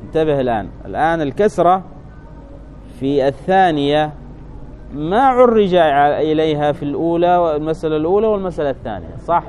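A man's voice: a little high, expressive, fast talker, darkish tone, a little hiss or hum, rough recording. A man teaching a grammar lesson, reading from a text, explaining it and asking the class questions that he then answers himself. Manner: repeats key points, thinks aloud.

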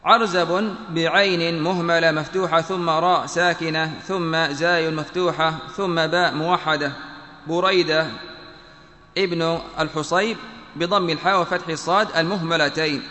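A man giving a lesson, reading a classical text aloud in a measured, careful way, often repeating phrases to fix a slip. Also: fairly high pitch, steady tone, pushed and bright. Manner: measured, pedantic spelling out of vowels, repeats phrases when correcting. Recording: echoey room with long reverb.

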